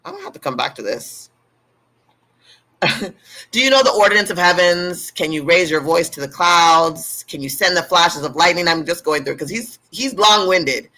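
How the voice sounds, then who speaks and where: Bright, sarcastic man reading scripture. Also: a little high, animated, moderate pace, poor audio. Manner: irreverent, sarcastic, cursing. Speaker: host.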